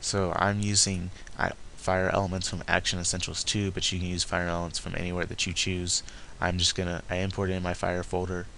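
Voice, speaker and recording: Flat low guy doing a screen tutorial, step by step and kinda halting, keys clicking. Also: creaky, slight background noise. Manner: halting, talks through each step as he does it. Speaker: tutorial presenter. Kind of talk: step-by-step software tutorial narration.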